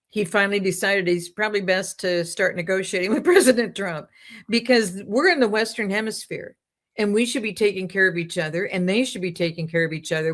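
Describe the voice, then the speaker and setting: A woman's voice: medium pitch, a bit bright. A woman guest in casual talk-show conversation, telling rambling stories with jokes and asides.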